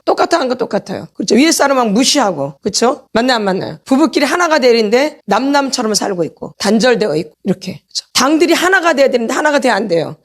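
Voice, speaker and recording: A woman pastor preaching a sermon, quoting scripture slowly and asking her listeners questions again and again. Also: fairly high pitch. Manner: asks the congregation constant questions. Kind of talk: sermon teaching. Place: church meeting hall.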